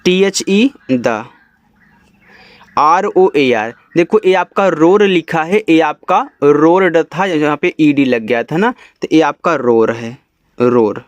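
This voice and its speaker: Man from india, teacher, spells words letter by letter, slightly high voice, dry close sound. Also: slow, no room sound. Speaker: English reading teacher. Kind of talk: step-by-step spelling lesson.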